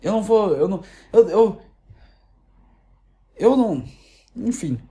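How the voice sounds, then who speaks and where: Brief: Brazilian woman, casual sarcastic commentary, rambling restarts, warm dark tone. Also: medium pitch, lively intonation, slow. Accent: Brazilian Portuguese. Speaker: online commentator. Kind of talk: casual opinion rant.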